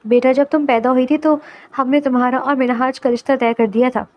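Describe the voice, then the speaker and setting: Woman voicing old grandmother, doting and firm, gentle coaxing, high voice, audiobook story. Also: fairly even intonation, muffled recording, lightly acted.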